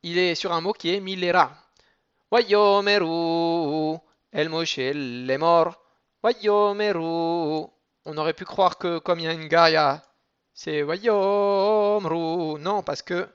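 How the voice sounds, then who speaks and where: A man gives a patient lesson on cantillation marks, moving through each rule step by step. He breaks into slow chanted examples between the explanations. His voice sits a little high, and the recording sounds dull and lo-fi. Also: fairly even intonation, fairly bright tone, smooth. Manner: explains rules step by step, then chants Hebrew examples slowly. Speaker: teacher of Torah cantillation.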